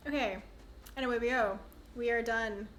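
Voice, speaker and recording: A woman's voice: a little high, fairly even intonation, moderate pace, a bit bright, a little hiss or hum. A young woman from Canada giving casual, rambling live commentary on her video game speedrun, chatty and self-deprecating. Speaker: speedrunner streamer. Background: faint game music.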